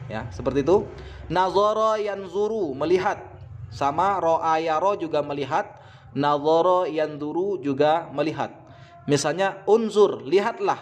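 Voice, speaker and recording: A high-pitched man with an Indonesian accent, teaching beginners a vocabulary list. He speaks slowly and patiently, saying each word, giving its meaning and repeating both. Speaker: Arabic teacher. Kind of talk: vocabulary lesson.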